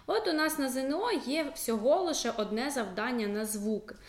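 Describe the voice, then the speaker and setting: A woman's voice: high voice, animated, a little fast, reverberant. A young adult woman teacher, explaining a school subject in a casual, chatty way with many fillers and asides.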